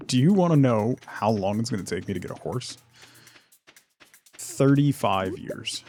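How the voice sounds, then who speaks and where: A man's voice: mid-range voice, lively intonation, a little slow, warm tone, faint music behind. A young adult man streaming a farming game, chatting casually with viewers and laughing often. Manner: chatty, reads and answers chat, laughs often. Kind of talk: casual live-stream chat while gaming.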